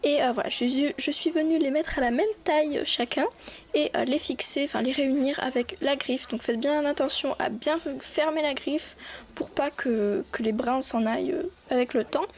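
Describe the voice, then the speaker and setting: A young woman with a high voice talks through a clay craft tutorial in a relaxed, chatty way. She keeps stopping to fill gaps and restart her sentences as she goes. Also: normal speed. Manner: chatty, many fillers and restarts. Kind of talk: casual voice-over tutorial.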